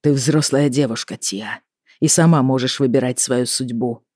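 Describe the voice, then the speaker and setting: An audiobook reader voicing a stern, worried middle-aged father who speaks gravely and wearily. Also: medium pitch, darkish tone, no echo, studio quality, natural voice. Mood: grave, weary. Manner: grave, measured, weary. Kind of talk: audiobook character reading.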